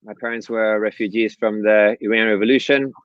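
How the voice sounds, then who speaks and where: A man with a Spanish accent, briskly introducing himself as a startup chief on a conference panel. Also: lowish voice, fairly even intonation, muffled recording, a little hiss or hum. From Spain.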